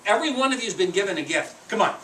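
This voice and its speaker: A man voicing Raven, a wise and gentle male creator spirit, speaking calm and measured. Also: high-pitched, slight background noise, pitched above the performer's own voice. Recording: roomy, distant mic.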